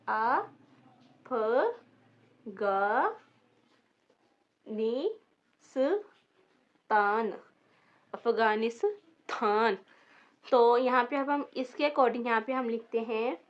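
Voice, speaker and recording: Female teacher, fairly high voice, very slow and patient, spells out syllables one by one. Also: highs cut off. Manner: repeats each word slowly, spelling it out syllable by syllable. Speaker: language teacher. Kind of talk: slow beginner vocabulary lesson.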